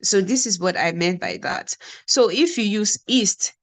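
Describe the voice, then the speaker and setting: With a Nigerian accent, a woman teacher explains beginner German phrases slowly in a classroom setting, repeating example words one at a time. Her voice is mid-range.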